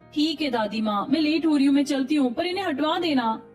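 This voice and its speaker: A woman voices an irritated college girl in an animated story. Her voice is very high and whiny, full of exasperation, a bit distant from the mic over faint music. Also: brisk. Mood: exasperated.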